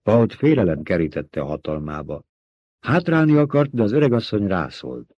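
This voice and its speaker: Guy reading an audiobook, low husky voice, lively delivery, dry dull lo-fi sound. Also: no echo. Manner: expressive, dramatic reading. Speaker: audiobook narrator. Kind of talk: scripted narration.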